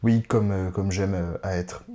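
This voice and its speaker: A man hosting a casual chat, relaxed and self-mocking, often breaking into giggles. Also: sits low, unhurried. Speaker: host.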